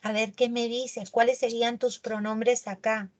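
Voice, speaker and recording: A woman teaching a grammar lesson, talking in an animated, emphatic way and checking in with tag questions. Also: fairly high pitch, a little slow.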